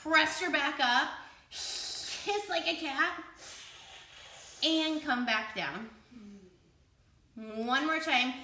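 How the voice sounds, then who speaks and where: A young woman leading a children's yoga class, giving playful, encouraging step-by-step cues in a slow, easy rhythm. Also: sits high, bright, forceful tone, recorded from a distance. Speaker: kids yoga teacher. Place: room with children. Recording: echoey room, voice from afar.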